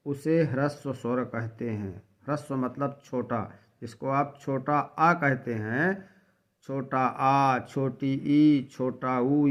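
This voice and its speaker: Slow, deliberate male grammar teacher. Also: a little high. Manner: deliberate, repeats definitions and drawn-out example sounds. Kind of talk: slow explanatory lesson.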